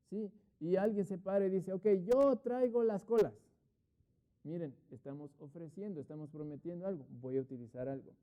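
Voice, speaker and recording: A middle-aged man teaches an online English class, his voice a little higher than most men's. He explains patiently, checks in with the class, and slows right down to spell out each English example. The sound is thin and phone-like. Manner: patient explaining, asks rhetorical questions, drops to writing pace on English examples.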